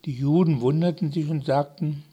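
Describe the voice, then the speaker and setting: A man reading scripture aloud in a slow, measured way with long pauses. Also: on the high side, steady tone, warm tone, husky. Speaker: scripture reader. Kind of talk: scripted narration.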